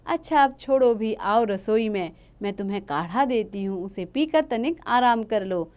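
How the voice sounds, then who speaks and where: A woman's voice: a little high, lively intonation, moderate pace, darkish tone, clear, resonant tone, natural voice. A woman voicing a caring, practical village mother, soothing but firm.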